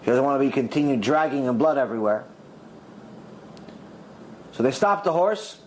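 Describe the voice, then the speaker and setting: A rabbi delivers a sermon, telling a dramatic story and acting out each character's lines with big swings in pitch. His voice is animated and moderately paced. The audio is poor, with a little hiss or hum.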